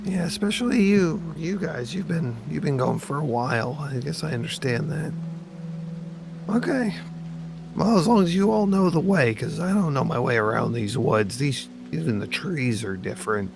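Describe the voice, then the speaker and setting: A man's voice: fairly high pitch, expressive, normal speed, vocal fry. A man playing a tabletop role-playing game, speaking in character in an unsure, hesitant way. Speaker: player. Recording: background music.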